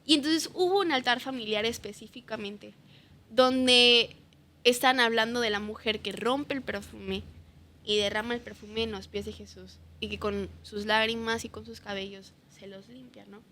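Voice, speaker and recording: A woman's voice: fairly high pitch, steady tone, moderate pace, sharp tone, slight background noise. A young woman earnestly sharing her personal faith testimony as a podcast guest, often ending phrases with a questioning tag.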